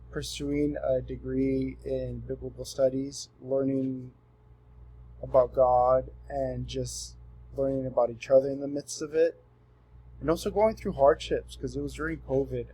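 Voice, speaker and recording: This is a twenty-something student from Southern California giving an earnest, laid-back self-introduction for class. His voice is mid-range, he keeps pausing with ums and restarting, and the rough recording has a little hiss or hum.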